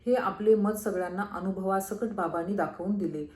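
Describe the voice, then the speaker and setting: A woman's voice: medium pitch, darkish tone. Woman reading scripture in an echoey room. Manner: measured, earnest reading aloud. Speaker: scripture reader.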